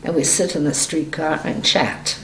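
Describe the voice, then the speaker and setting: A woman's voice: deep voice, steady tone, normal speed, vocal fry. An elderly woman recalling her youth in a plain, matter-of-fact way during an oral history interview. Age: 70s or older. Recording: echoey room with faint noise.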